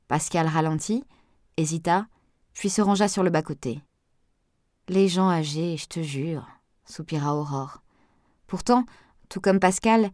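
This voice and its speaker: A woman reading a novel aloud in steady, measured audiobook narration. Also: lowish voice, no room sound, studio quality. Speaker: audiobook reader.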